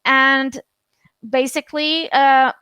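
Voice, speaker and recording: A Canadian woman tutors English over a video call in a casual conversation lesson, often hesitating with fillers and restarts. Her voice is high, bright and forceful, moving little in pitch, and she speaks slowly on a dry recording.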